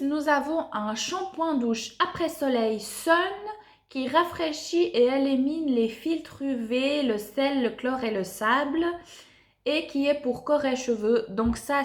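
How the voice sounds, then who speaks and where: Young woman, chatty beauty review, slightly high voice. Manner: chatty, enthusiastic, many fillers. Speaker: beauty vlogger. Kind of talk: casual product review.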